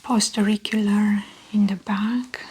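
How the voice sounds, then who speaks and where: A woman whispering softly through an ASMR medical exam roleplay, gentle and clinical as she plays an examining doctor. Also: mid-range voice, fairly even intonation, a little slow, slight background noise. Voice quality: soft whisper.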